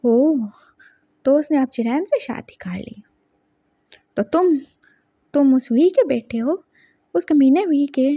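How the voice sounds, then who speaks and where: A woman voicing a wealthy, lonely old grandfather who is gruff and emotional in a spoken story. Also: high-pitched, expressive, normal speed, warm tone, no echo, clean studio sound. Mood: angry. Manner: scolding then doting.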